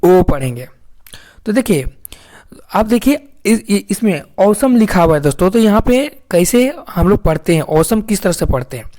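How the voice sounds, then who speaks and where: A woman's voice: mid-range voice, lively intonation, normal speed, mellow. A woman teaching English phonics in a lesson video, repeatedly asking the viewers questions and answering them herself.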